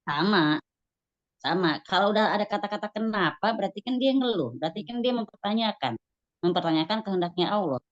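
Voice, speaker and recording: A woman giving a casual religious study talk, lively and acting out quoted voices. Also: medium pitch, brisk, dry recording. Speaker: religious teacher. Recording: dull dry lo-fi recording.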